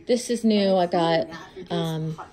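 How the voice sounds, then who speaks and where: Walking from room to room inside her house, a home vlogger narrates a casual tour on a handheld phone camera. Her voice is fairly low and slow, congested from a cold, and she chats away, listing where she bought each item.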